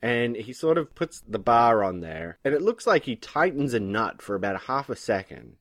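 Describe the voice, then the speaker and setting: A man's voice: mid-range voice, moderate pace, dry recording. A man from Australia with a muddled Australian, British and American accent, chatting casually as a podcast co-host and laughing often. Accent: mixed Australian, British and American. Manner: laughing, animated, mimics characters. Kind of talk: casual chat.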